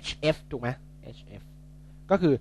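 A young man tutoring physics in a casual, chatty way, joking and correcting himself as he works through problems. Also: takes it slowly.

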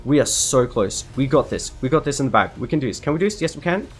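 A man's voice: medium pitch, expressive, fast, faint music behind. A man giving live commentary over his gameplay, frantic and anxious, repeating himself over and over as he talks. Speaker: gaming video creator.

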